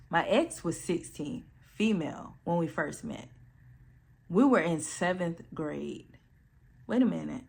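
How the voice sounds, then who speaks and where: A woman reading forum posts aloud in a calm voice, then reacting with blunt, sassy commentary. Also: on the low side, gravelly. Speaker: storytime channel host.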